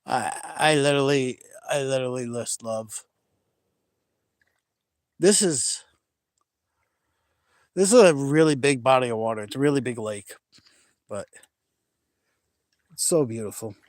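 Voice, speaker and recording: A middle-aged vlogger from Maine, New England, speaks in a mid-range voice with a faint Maine accent, unhurried and with long pauses. He chats casually and rambles with viewers outdoors by a big lake at sunset, laughing easily and often restarting. It's shot on a hand-held phone camera, yet the sound is studio quality with no room sound.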